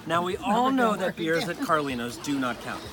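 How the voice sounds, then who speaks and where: Someone with a mid-range, sing-song voice reads a humorous letter aloud to family at a moderate pace, amused and often breaking into laughter. It's an outdoor family gathering with loud crowd chatter, people chatting and laughing in the background.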